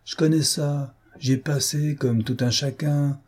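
A man voicing a rough, simple police sergeant in a storybook reading, complaining about the cold and shrugging off his boss's fury. The voice is husky and dark. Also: fairly high pitch, steady tone, a little slow, voice pushed up. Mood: soothing.

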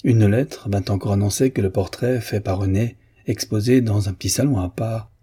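Low, husky-voiced man reading a novel. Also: normal speed, warm tone. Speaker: audiobook narrator. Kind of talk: scripted narration of a novel.

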